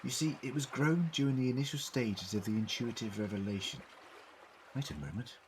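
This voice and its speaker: An actor in a fan audio drama playing an eccentric, brainy alien time traveller, explaining things theatrically in precise words. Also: male voice, medium pitch, fairly quick, darkish tone, slight background noise, close to an everyday voice.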